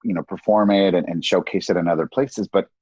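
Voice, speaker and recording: A man's voice: deep voice, fairly even intonation, fairly quick, a little mellow, husky, dry recording. A man around thirty talking casually and campily on a podcast, with lots of "like" between his thoughts. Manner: campy, chatty, heavy use of "like". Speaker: podcast co-speaker. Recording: dull lo-fi dry recording.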